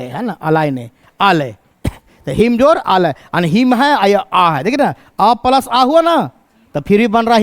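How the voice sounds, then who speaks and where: A man's voice: very high voice, dry recording, studio quality. A man teaching an exam-prep grammar lesson, explaining step by step and answering his own questions. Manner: clears throat often.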